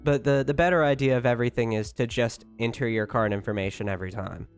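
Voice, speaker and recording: A man's voice: mid-range voice, quick pace. A man hosting a casual livestream, rambling on chattily and informally to his chat. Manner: rambling, chatty, keeps talking; informal, with swearing. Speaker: livestream host talking to chat. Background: music.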